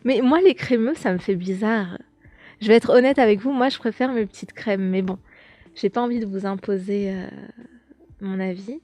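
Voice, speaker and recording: Young woman hosting a casual podcast; chatty, full of fillers and restarts, medium pitch, dry recording. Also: moderate pace, warm tone, no echo. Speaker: podcast host. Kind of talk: casual chat reading viewer comments.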